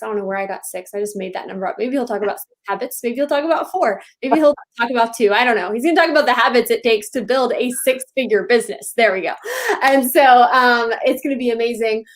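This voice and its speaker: A woman's voice: fairly high pitch, fast talker. A woman co-hosting a live coaching show, upbeat and encouraging, firing off rhetorical questions. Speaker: co-host. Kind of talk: live-streamed coaching chat.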